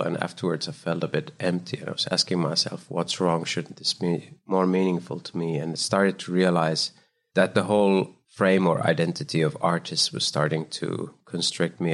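Finnish-accented man, deep voice, gravelly, thoughtful, podcast guest. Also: fairly bright tone. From Finland. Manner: thoughtful, measured, loose phrasing. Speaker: guest, startup founder and composer. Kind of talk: casual interview chat.

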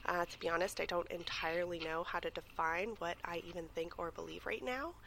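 Bright, gravelly-voiced woman guest. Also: on the low side, steady tone, brisk, slight background noise. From Malaysia. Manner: thoughtful, hesitant, searching for words. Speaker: podcast guest. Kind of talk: casual podcast chat.

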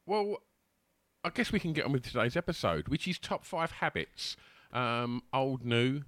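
A man's voice: medium pitch, lively intonation, moderate pace, fairly bright tone, no echo. A man chatting casually as a podcast co-host, rambling and hesitant in a jokey way.

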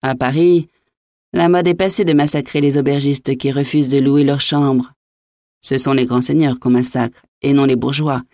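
An unflappable innkeeper answers with cool, mocking insolence, voiced by a woman reading an audiobook. His tone is low and mellow, recorded close and dry. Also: steady tone, normal speed, dry recording. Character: impertinent, phlegmatic male innkeeper, mocking.

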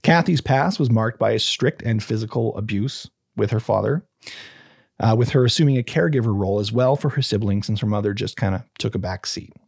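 Husky man telling a crime story. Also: lowish voice, fairly quick, darkish tone, dry recording, studio quality. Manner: reads from notes, stumbles and restarts, adds casual asides. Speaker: podcast host telling a true crime case. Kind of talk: casual true crime storytelling.

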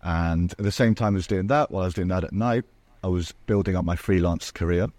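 Low-voiced man with an English accent. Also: fast talker, a little mellow, no room sound. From southern Spain. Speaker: guest, agency owner. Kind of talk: podcast interview.

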